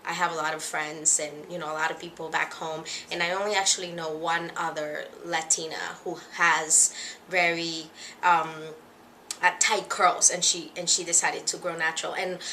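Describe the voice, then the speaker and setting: Young woman, from the Dominican Republic, casual vlog, hesitant, filler-heavy, slightly nervous, somewhat low voice. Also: flat delivery, moderate pace, pushed and bright, a little hiss or hum. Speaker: vlogger. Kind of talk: casual vlog talk to camera.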